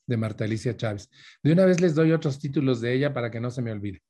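A man with a Mexican Spanish accent lectures a live audience in a relaxed, conversational way, turning to them often as he tells his own stories. His voice is dark and mellow, with a husky, slightly breathy edge. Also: medium pitch, quick pace. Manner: addresses listeners directly, mixes in personal stories. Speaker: speaker giving a talk on parenting.

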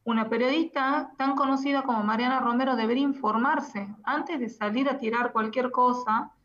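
A woman's voice: fairly high pitch, fairly even intonation, normal speed, a bit bright. A woman calling in to a radio interview on a phone held away from her mouth, firmly and insistently rebutting claims. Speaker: interview guest, sister of the accused. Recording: distant muffled phone line.

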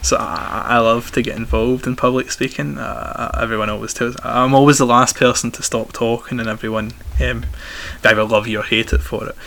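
His gravelly, fairly bright voice sits at medium pitch with a flat delivery, running fairly quick with hardly any pauses. He is a young adult from Glasgow with a broad Scottish accent, talking at length in answer to interview questions and repeatedly echoing the openings of his phrases.

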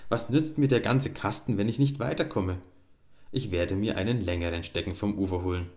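A man voicing a cheeky, mischievous little water-sprite boy, talking in a lively, playful way. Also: on the low side, brisk, close to an everyday voice. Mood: annoyed. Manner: lively, mischievous thoughts spoken aloud.

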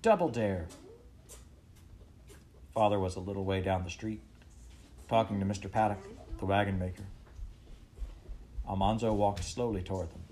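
A man reading a children's book aloud in a calm, even storytelling manner. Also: deep voice, normal speed, long pauses, slight background noise. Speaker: audiobook reader.

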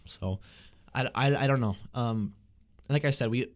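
A man's voice: medium pitch, a little slow. A young man, a student reporter, hosting casual sports talk, often repeating words and restarting as he works through his thoughts. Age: young adult.

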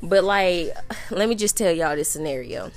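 A young woman with a Southern US accent hosting a casual podcast chat, animated and swearing freely. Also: fairly low pitch, moderate pace, faint music behind. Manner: animated, cussing, fillers like "you know what I'm saying". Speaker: podcast host.

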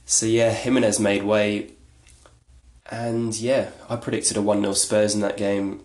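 A man's voice: fairly low pitch, level tone, unhurried, a little mellow. A man hosting a solo podcast, talking in a rambling, chatty, self-deprecating way. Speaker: podcast host. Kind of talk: casual solo podcast talk. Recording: echoey room.

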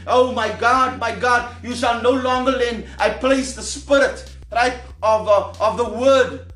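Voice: medium pitch, fairly even intonation, unhurried, fairly bright tone. A preacher delivering charismatic prophecy and prayer in a fervent, commanding way, repeating phrases insistently. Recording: echoey sound with music behind. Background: music.

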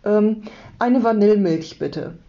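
A woman reading aloud as a secretive schoolboy who talks hushed and hasty. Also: medium pitch, slow pace, muffled recording, pitched above the performer's own voice.

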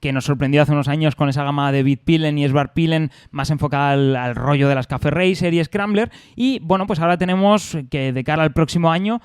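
A man's voice: fairly high pitch, fairly quick, hardly any pauses, clean tone, dry recording, clean studio sound. A man co-hosting a casual chat about cars and motorbikes, explaining things patiently with many fillers and restarts. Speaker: co-host, motorcycle expert.

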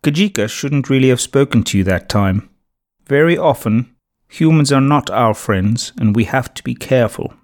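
A man voicing a wary, serious female woodland animal who speaks slowly and carefully. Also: medium pitch, animated, natural voice. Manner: slow, serious, measured.

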